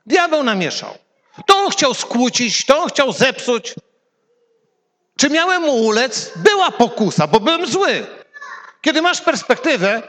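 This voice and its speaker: Animated high-voiced preacher in reverberant hall. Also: male voice. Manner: animated preaching with sudden swings from loud to hushed. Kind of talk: sermon.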